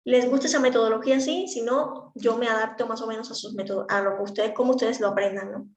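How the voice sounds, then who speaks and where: A woman's voice: a little high, fairly even intonation, fast talker, echoey room. A woman teaching speech therapy to a class, explaining practically with examples. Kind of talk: online class lecture.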